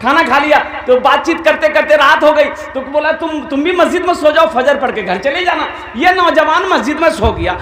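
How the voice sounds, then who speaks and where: Male preacher, high bright voice, animated storyteller, echoey room. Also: normal speed, hardly any pauses. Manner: animated, acts out villagers in dialogue. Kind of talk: humorous sermon storytelling.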